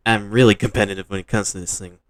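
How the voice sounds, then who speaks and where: A man's voice: lowish voice, steady tone, fast talker, dry recording, lightly acted. A man playing an earnest, competitive young trainer.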